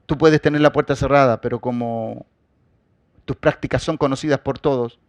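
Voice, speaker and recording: A man preaching a sermon as pastor. He addresses the congregation directly and swings between loud, forceful emphasis and quiet asides. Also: mid-range voice, steady tone, moderate pace, dry recording, dull audio.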